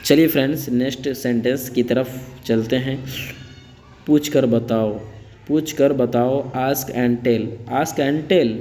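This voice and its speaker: A man teaching spoken English, saying each phrase slowly twice and then explaining it quickly in Hindi. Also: medium pitch, steady tone, mellow, in a large hall.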